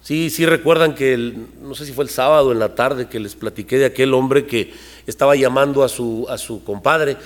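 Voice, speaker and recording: A man's voice: medium pitch, normal speed, in a large hall. A man preaching a sermon to his congregation, talking conversationally and asking them rhetorical questions. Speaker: pastor. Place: church hall.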